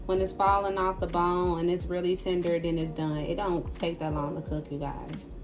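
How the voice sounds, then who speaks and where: A woman's voice: on the low side, little pitch movement, moderate pace. Woman home-cook vlogger, easygoing kitchen chat, music underneath. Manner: chatty, repeats "right?" and "y'all". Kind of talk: casual cook-along chat. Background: background music.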